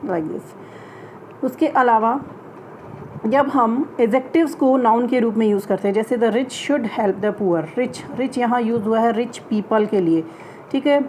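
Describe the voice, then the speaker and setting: A fairly high-pitched woman teaches a grammar lesson, explaining in Hindi and slowing down to read out English example sentences. Faint noise hums behind her voice. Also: darkish tone, rough recording. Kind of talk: classroom-style grammar lesson.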